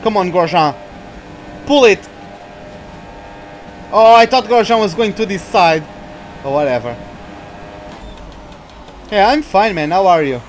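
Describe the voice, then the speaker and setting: This young streamer from Portugal has an expressive high voice and takes his time, leaving long pauses. Playing a racing game, he chats, names his viewers, and reacts to the action over faint background noise.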